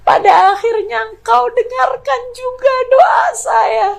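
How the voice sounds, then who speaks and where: A woman's voice: extremely high pitch, slow, creaky, voice pushed up, heavily acted. A woman voicing a grateful young girl tearfully praying. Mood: tearful thanks.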